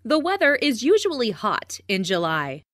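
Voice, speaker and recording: A woman reading simple English phrases slowly and carefully for learners, saying each one twice. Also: fairly high pitch, huge pitch swings, fairly bright tone, no room sound, studio quality. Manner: careful, clearly enunciated, each sentence said twice.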